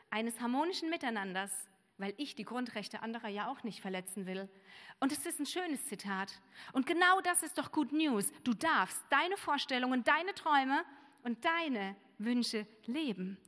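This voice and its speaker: A woman's voice: sits high, a bit bright. Woman preaching in a reverberant hall. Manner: earnest, rhetorical questions, inviting. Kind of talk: sermon. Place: church service hall.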